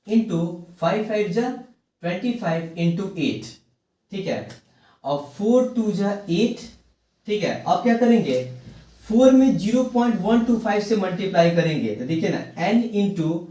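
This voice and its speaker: A man with a fairly high voice teaches a math lesson, talking through each sum step by step and reassuring his students. His carries through a very echoey room, heard from some distance from the mic. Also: warm tone. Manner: reassuring, works sums aloud step by step.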